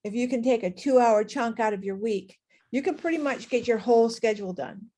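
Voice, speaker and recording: Californian woman co-hosting a workshop, bright and a bit high, lots of ums. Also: a little fast. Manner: enthusiastic, lots of fillers and restarts. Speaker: workshop co-presenter. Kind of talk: casual workshop talk.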